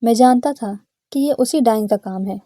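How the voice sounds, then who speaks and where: A woman voicing a stern, protective young man who is quick to anger, speaking firmly. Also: on the high side, dark tone, no echo, clean studio sound, lightly acted. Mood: stern, angry. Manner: firm, threatening delivery.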